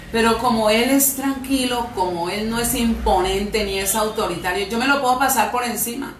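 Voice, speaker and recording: Recorded off-mic in an echoey church hall with a little hiss or hum, a woman with a mid-range voice and a Colombian Spanish accent preaches fervently to a congregation. Her emphatic delivery rises to loud, fervent peaks.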